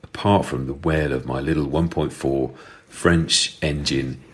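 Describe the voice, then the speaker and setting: A middle-aged man speaking through a voice changer that makes him sound very deep, telling a rambling story in a recorded voice message as a listener. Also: fairly even intonation, unhurried, slight background noise. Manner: chatty, rambling storyteller with filler ums. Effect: voice changer pitching the voice very deep.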